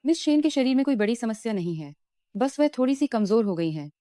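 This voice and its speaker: An actress playing a calm, professional doctor in a dubbed drama, speaking in a matter-of-fact way. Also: female voice, fairly high pitch, fairly quick, noisy background.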